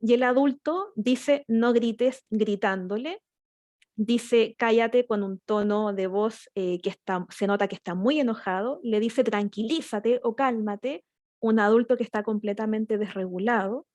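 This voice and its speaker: A woman's voice: medium pitch, moderate pace, a little mellow, dry recording. A woman giving an explanatory seminar talk on child development, using metaphors and rhetorical questions, and speaking to parents as a fellow parent.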